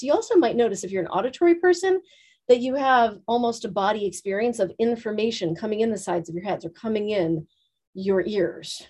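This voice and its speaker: Quick-talking woman teaching a group. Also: a little high. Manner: animated and quick-talking, asks the room questions. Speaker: workshop teacher.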